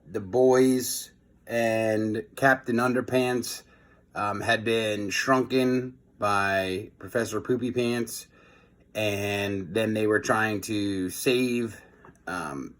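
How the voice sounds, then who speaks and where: A man with a fairly low voice hosts a children's read-aloud, alternating between expressive storybook reading and informal, hesitant asides.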